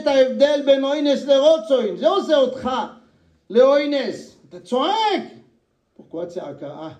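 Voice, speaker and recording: A man giving a sermon. He swings between high chanted calls and low murmured asides, and he chants Hebrew and Aramaic phrases in a sing-song. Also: darkish tone, roomy sound, distant mic. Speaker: rabbi.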